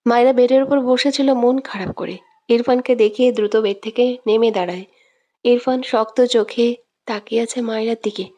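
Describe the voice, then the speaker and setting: Brief: woman narrator, slightly high voice, steady dramatic audio story reading. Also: normal speed.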